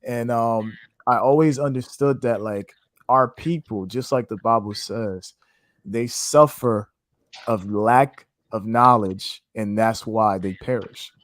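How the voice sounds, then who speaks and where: A Haitian trading educator answers an interview question with passionate, preacher-like, faith-filled phrasing, keeping it casual with "man" and "you know what I'm saying." His lowish voice moves slowly on a dry recording.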